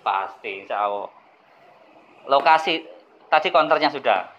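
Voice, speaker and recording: A man's voice: mid-range voice, lively intonation, unhurried, a bit bright, muffled recording, slight background noise. A man teaching property sales at a seminar in a chatty way, acting out sales dialogues. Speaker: property marketing trainer.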